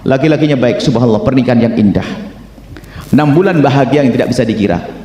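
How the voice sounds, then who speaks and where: A man preaching a sermon, acting out the voices in a story and swinging from hushed tones to shouting. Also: medium pitch, lively intonation, quick pace. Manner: acts out dialogue in a story, swings from quiet to shouting. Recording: echoey hall, long reverb.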